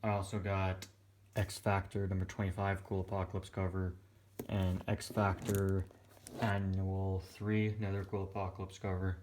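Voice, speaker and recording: Young guy talking quiet but clear, low monotone, casual tired vlog about his collection. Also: normal speed, slight background noise. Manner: hesitant, tired-sounding. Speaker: comic collector presenting his purchases. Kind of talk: casual vlog narration over close-up shots of items. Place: small indoor room at home.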